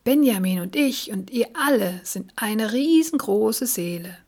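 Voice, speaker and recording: A woman's voice: a little high, animated, unhurried, a little mellow. A woman voicing a playful, cheerful talking cat in a storybook reading, chiming in eagerly.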